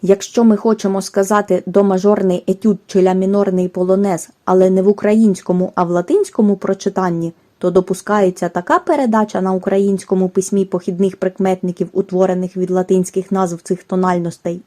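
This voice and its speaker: A woman giving a scripted language lesson, reading rules and examples in a careful, measured way. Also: mid-range voice, fairly even intonation, mellow. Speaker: language teacher. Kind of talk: scripted educational narration.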